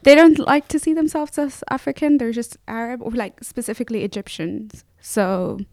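A young woman co-hosting a podcast, chatting casually and telling lively stories. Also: on the high side, no room sound, studio quality. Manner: lively, storytelling, quick laugh. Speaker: podcast co-host. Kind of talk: casual chat.

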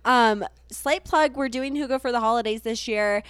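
A woman's voice: a little high, moderate pace, fairly bright tone, smooth, no room sound. Bubbly woman podcast host, dry sound. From southern US. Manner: bubbly, plugging the show. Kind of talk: casual chat.

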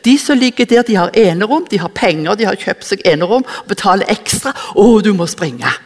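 A woman's voice: medium pitch, lively intonation, a little mellow, close to an everyday voice. A woman voicing a young woman nursing student who is earnest and easily indignant, while telling a story in a sermon. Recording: long echoing hall reverb.

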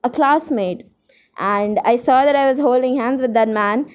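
A smooth, high voice at a moderate pace belongs to a young adult college student with an Indian accent. She co-hosts a podcast in a loose, rambling manner, dramatic, irreverent, and quick to make fun of herself.

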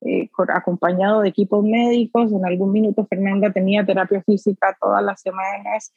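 A woman's voice: medium pitch, little pitch movement, fairly quick, no room sound. Earnest mother speaking on a dull, dry line. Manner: earnest, heartfelt, frequent "eh" fillers. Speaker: interview guest, mother. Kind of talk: conversational interview.

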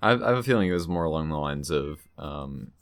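Very deep-voiced hesitant podcast man. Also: lively intonation, a little fast. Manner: hesitant, many ums, dry teasing. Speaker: podcast co-host. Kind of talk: casual chat. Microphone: home mic over Discord call.

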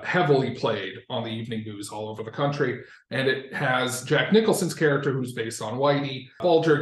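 A man's voice: medium pitch, roomy sound. A man from Massachusetts co-hosting a podcast in a casual, discursive explaining style, with wry asides and swearing. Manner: discursive, self-correcting, with wry asides and profanity. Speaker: podcast co-host.

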